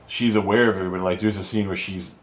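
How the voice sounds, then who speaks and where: A man's voice: low voice, fairly even intonation, racing. A man hosting a podcast in a casual, rambling chat, cursing and trailing off mid-sentence. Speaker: podcast host.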